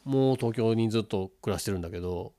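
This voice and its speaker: A man's voice: fairly low pitch, fast. A man from Osaka with a Kansai accent, hosting a casual late-night style chat and telling stories with lots of laughter. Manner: animated storytelling, laughs often. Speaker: radio-style podcast host.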